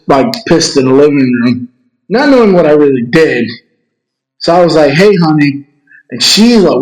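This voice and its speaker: A young man telling his side of a story on a podcast, joking and sheepish. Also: on the high side. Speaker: podcast guest, partner of the storyteller. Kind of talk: casual comedic chat. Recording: echoey room.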